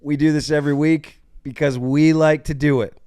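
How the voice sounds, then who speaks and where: A man co-hosting a casual sports podcast, speaking with a voice that is rough from illness. He talks with enthusiasm and often repeats words as he thinks. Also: a little high, fairly even intonation, normal speed, mellow, dry recording, studio quality. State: sick voice. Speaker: co-host.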